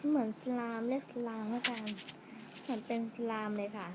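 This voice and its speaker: A woman's voice: on the high side, a little fast, very noisy. Chatty woman vlogger unboxing toys. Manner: chatty, addresses viewers, trails off and muses aloud. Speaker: vlogger reviewing toys and snacks. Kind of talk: casual unboxing vlog. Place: room at home.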